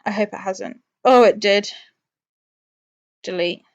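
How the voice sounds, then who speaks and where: A woman's voice: medium pitch, slow pace, gravelly, lo-fi sound. A woman hosting a live stream with casual, rambling chat to viewers, thinking aloud and often talking herself round. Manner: rambling, thinking aloud, changes own mind.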